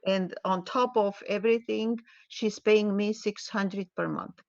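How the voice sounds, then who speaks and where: A woman from Romania calling into a live Q&A, speaking slowly and carefully with many pauses. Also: mid-range voice, fairly even intonation, creaky, a little mellow, no room sound, dull audio. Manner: slow, careful, hesitant with fillers. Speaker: caller asking about a note. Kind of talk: live Q&A call.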